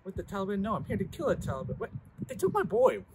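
A man's voice: sits high, wildly swooping pitch, quick pace, background noise. A young man playing a threatening man hunting for a kidnapped boy in an amateur fan film, outdoors in a parking lot on a camera mic. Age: young adult. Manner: blustering threats, comic.

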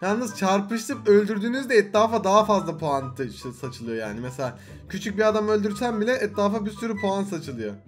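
A young man giving excitable let's-play commentary as a gaming YouTuber, swinging from loud shouts to low muttering. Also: a little fast, faint music behind.

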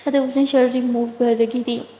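A woman narrating a dramatic romance story and acting out the characters' lines with shifting pitch. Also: little pitch movement, moderate pace, dark tone, echoey room, long reverb tail.

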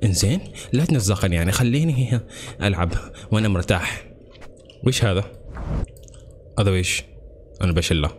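Jumpy, fast-talking gaming host, man. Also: low voice, noisy background. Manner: jumpy, excitable, nervous exclamations. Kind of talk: horror game commentary.

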